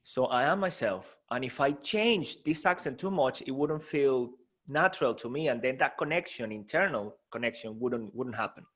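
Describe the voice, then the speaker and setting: A man's voice: mid-range voice, animated, moderate pace, a bit bright, husky. Upbeat, playful male coach. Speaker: NLP coach. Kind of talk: coaching talk to learners.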